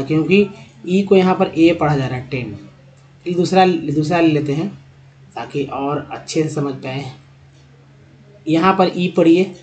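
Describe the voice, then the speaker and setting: A man's voice: a little high, darkish tone, muffled recording, a little hiss or hum. A man teaching English pronunciation in Hindi, asking questions and answering them himself and drawing out words syllable by syllable. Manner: drags out words and syllables when sounding them out. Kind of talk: Hindi-medium phonics lesson.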